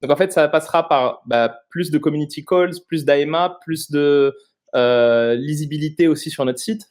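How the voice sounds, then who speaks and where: A man in his thirties from Morocco, a guest in a casual interview, explaining things in a halting way with frequent pauses. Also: on the high side.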